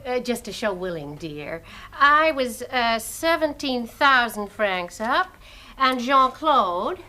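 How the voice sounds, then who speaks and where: Brief: a brash American rich widow, bright sharp tone, sassy and bossy. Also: female voice, a little high, very animated, takes it slowly, exaggerated voice. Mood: brassy. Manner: brassy, sarcastic, says dear. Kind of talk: 1970s TV whodunnit acting.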